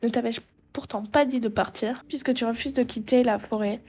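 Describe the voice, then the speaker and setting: A woman's voice: on the high side, fairly even intonation, a little fast, a little mellow, slightly rough, muffled recording. A woman voicing a stern, commanding forest witch in a cold, imperious manner, reading game dialogue aloud. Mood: threatening.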